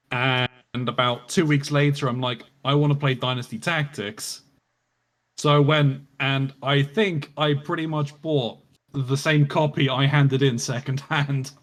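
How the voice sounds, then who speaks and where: A man's voice: medium pitch, fairly even intonation, a little slow. A man chatting casually on a stream about old games, hesitant and full of "um"s. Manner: hesitant, many "um"s. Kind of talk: casual gaming chat.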